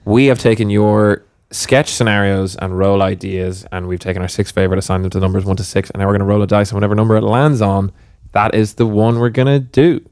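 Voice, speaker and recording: A man's voice: on the low side, steady tone, quick pace, few pauses, darkish tone, clear, resonant tone, no room sound. A man co-hosting a comedy podcast, giving dry, wry asides in casual banter. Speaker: podcast co-host.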